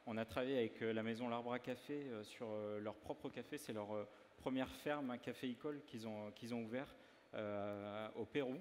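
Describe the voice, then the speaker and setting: A pastry chef from northern France talks through a dessert demo, hesitant and full of filler sounds. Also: male voice, mid-range voice, moderate pace. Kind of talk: live demo interview. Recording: reverberant hall, faint ambient noise.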